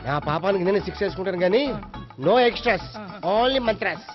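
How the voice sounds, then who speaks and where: A man's voice: high voice, normal speed, natural voice. An actor playing a bossy gang leader who barks orders at his men. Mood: commanding. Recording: dull film soundtrack with loud music.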